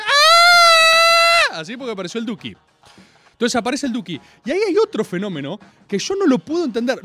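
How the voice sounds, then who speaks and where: A man with an Argentine accent and a strikingly high voice delivers an exasperated comic rant to his viewers. His pitch leaps around constantly as he mocks and mimics the crowd, with faint music behind him. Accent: Argentine Spanish.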